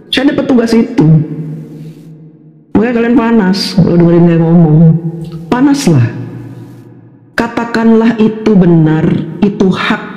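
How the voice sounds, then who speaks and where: A woman's voice: on the low side, dark tone. An older woman in a casual, combative monologue, firing indignant rhetorical questions and laughing mockingly as she rants. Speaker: livestream commentator. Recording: echoey room with long reverb.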